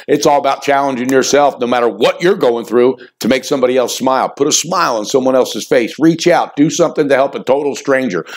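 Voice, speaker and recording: A man in his fifties hosting a sports betting picks show, talking in a fired-up, folksy way with loud bursts and low asides. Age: 50s. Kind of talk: energetic sports picks monologue.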